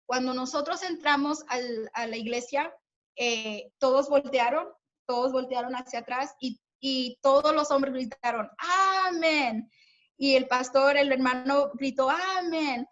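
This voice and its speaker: A woman's voice: sits high, steady tone, a little slow, a bit bright, lo-fi sound. A woman speaking as guest at a women's church meeting, giving an earnest personal testimony, with many fillers and restarts, speaking to her listeners as sisters. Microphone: video call.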